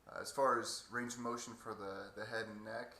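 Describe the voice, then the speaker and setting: A man giving a halting, hesitant casual video update with a sore throat two days after surgery. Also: lowish voice, flat delivery, pushed and bright. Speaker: patient vlogger. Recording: echoey room, faint background noise.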